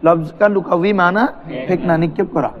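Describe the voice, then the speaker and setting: A man's voice: high voice, fairly even intonation, moderate pace, muffled recording. A man teaching a classroom grammar lesson, asking his students questions and repeating terms for them to answer. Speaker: madrasa teacher.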